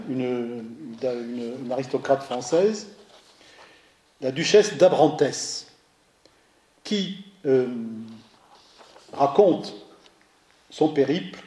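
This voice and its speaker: A man with a somewhat high but mellow voice gives a slide lecture in a roomy, echoing hall. He wanders between points, stops to correct himself and slips in dry jokes along the way. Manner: digressive, corrects himself mid-sentence; dry humorous asides. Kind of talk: slide lecture on art and photography.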